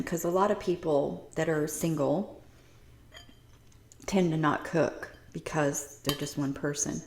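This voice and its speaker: A woman's voice: deep voice, roomy sound. A woman vlogger chatting casually to her viewers while eating in her home kitchen, savoring each bite. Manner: chatty, savoring food, talks between bites. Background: clinking dishes and cutlery.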